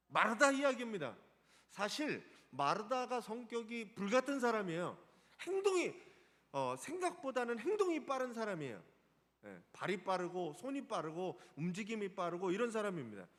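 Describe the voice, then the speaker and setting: In a church sanctuary, a male pastor delivers a Sunday sermon in a high voice at a moderate pace, animatedly putting questions to the congregation. A long reverb tail trails after his words.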